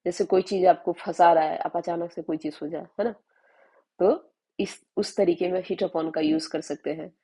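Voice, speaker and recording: A woman with an Indian accent, teaching spoken English in Hindi, reading example sentences slowly and often checking in with her students. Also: lowish voice, fairly even intonation, dark tone, slightly rough, rough recording. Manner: explains slowly, often asks "है ना?".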